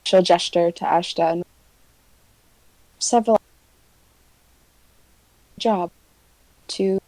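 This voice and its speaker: A woman telling a story in character during a tabletop game, heard over an online call whose audio keeps breaking up. She talks in halting pieces with many pauses. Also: lowish voice, darkish tone, no room sound, poor audio. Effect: glitchy call audio that keeps breaking up.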